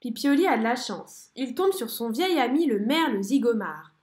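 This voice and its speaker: A woman reading a children's picture book aloud with lively, expressive storytelling. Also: on the high side, normal speed.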